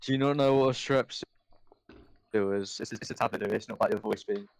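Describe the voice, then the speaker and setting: A man's voice: medium pitch, a little fast, vocal fry. A man bantering casually as a co-commentator on a race broadcast.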